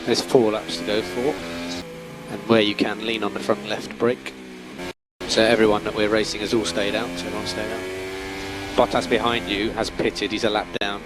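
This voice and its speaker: A man's voice: fairly low pitch, flat delivery, normal speed, music in the background. A man working as a race engineer, giving clipped, repeated instructions to a driver over race car radio. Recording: noisy team radio with car sounds.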